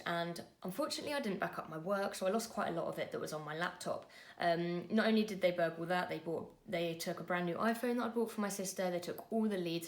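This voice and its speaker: A woman, telling a personal story to camera in an earnest, conversational way with frequent pauses and fillers. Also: fairly low pitch. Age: 20s. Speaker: vlogger.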